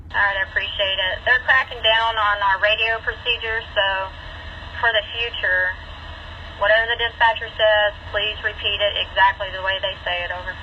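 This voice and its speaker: A woman's voice: medium pitch, fairly even intonation, moderate pace. A woman speaking over a two-way radio as a railroad radio operator, firm and instructive as she spells out procedure. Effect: two-way radio transmission. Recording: muffled radio with faint noise.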